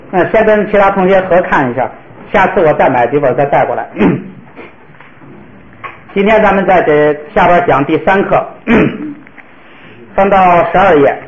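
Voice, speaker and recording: A man's voice: high-pitched, expressive, measured pace, long pauses. A male language teacher, lecturing a class patiently and step by step, with many fillers. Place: classroom with students. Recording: roomy, dull lo-fi classroom recording.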